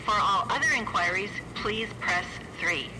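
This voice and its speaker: An actor voicing a polite, flat automated phone operator in a comedy sketch. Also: medium pitch, unhurried, noisy background, lightly acted. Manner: flat, polite recorded announcements.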